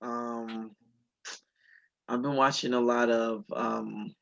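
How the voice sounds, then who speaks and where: A man's voice: mid-range voice, flat delivery, takes it slowly, creaky, a bit bright. Laughing man with a dull, lo-fi sound. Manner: laughs often while retelling funny clips. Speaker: podcast co-host. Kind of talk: casual chat.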